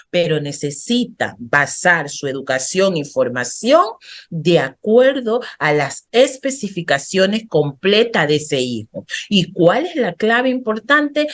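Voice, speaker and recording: A woman counselor, a guest on a radio talk show, explaining earnestly and instructively to the host, whom she often addresses by name. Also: on the low side.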